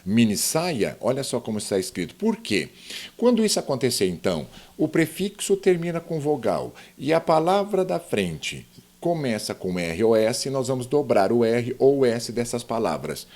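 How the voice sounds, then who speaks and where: A man's voice: mid-range voice, very animated, normal speed, darkish tone. A man teaching a grammar lesson online, explaining step by step and often asking his viewers questions.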